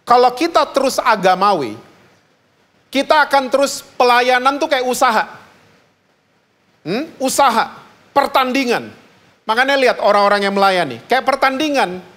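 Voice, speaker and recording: A man from Indonesia preaching a lively sermon as pastor, joking and asking the congregation questions. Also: very high voice, moderate pace, pauses often. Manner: jokey, asks the congregation questions.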